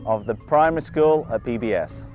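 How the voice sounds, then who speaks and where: A man who heads a primary school, giving a measured, formal scripted presentation. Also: mid-range voice, a little mellow, soft background music. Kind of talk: scripted promotional talk.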